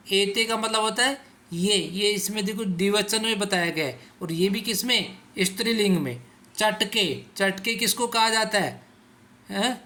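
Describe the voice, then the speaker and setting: Speaking to school pupils, a man teaches word meanings by asking questions he answers on his own and repeating terms for the children to echo. His voice sits high and sounds pushed and bright.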